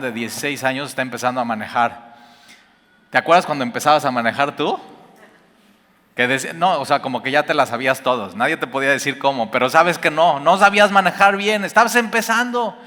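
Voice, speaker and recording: A man in his forties with a Mexican Spanish accent, preaching a sermon and telling stories with animated emphasis. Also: medium pitch. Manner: animated storytelling, shouts for emphasis. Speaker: pastor. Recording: long hall reverb.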